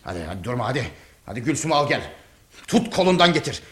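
A man's voice: mid-range voice, big pitch swings, fast talker, fairly bright tone. An actor playing a stern, hot-tempered village father who guards his family's honor and barks orders. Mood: angry. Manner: domineering, barking orders. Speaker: angry father of the household.

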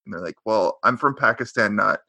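A podcast co-host with a lowish, creaky, slightly rough voice and a sharp tone talks fairly quickly as he recaps an old sitcom. He rambles, corrects himself and carries a sarcastic edge. There's no room sound.

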